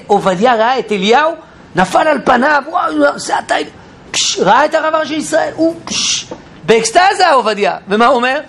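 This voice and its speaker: A man teaching a Bible class in an animated way, questioning his listeners and acting out quotes. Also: extremely high pitch, a little hiss or hum. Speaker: Torah teacher. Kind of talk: lively Bible class lecture.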